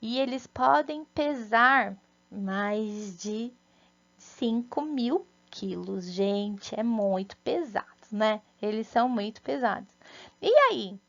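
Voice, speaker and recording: A Brazilian first-grade teacher with a Brazilian Portuguese accent records a lesson for young children, speaking patiently in a sing-song way and often checking in with "né?" and "tá?". Her voice is on the high side and slow, with vocal fry, and the audio sounds dull.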